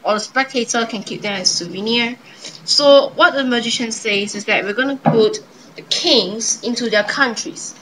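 A young woman casually presenting a card trick, improvising her patter in a hesitant, halting way. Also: fairly high pitch. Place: indoors at a table. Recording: noisy home webcam-style recording.

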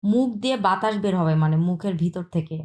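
A woman's voice: lowish voice, expressive, darkish tone. A woman from China, teaching a pronunciation lesson and patiently repeating sounds one by one. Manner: patient, repeats sounds slowly, asks "হ্যাঁ?" often. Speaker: Chinese language teacher.

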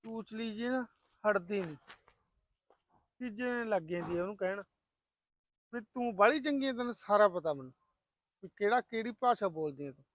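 A man's voice: high voice, animated, moderate pace, long pauses, no echo. A man playing an easygoing Punjabi farmer brother. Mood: soothing. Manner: soothing, easygoing. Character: kindly farmer brother reassuring his sister.

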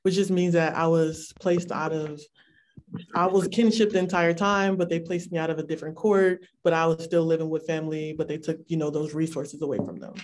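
A woman in her twenties from California, speaking as an interview guest over a video call in an articulate, measured and earnest way. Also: sits low, a little mellow, slight background noise. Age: 20s. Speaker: policy intern, advocate.

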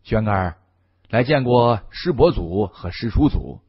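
A man voicing a harried middle-aged father who speaks in a lower, apologetic and pleading voice. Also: lively intonation, a little slow, breathy edge, lo-fi sound.

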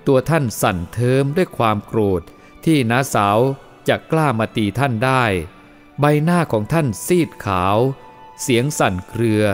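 A man reading a first-person moral story aloud as the storyteller, in a steady, measured way. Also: medium pitch, smooth, soft background music.

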